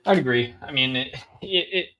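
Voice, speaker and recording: A man's voice: medium pitch, normal speed, dull audio. Stammering casual male co-host. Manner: stammering restarts, lots of fillers. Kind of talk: casual live-stream chat.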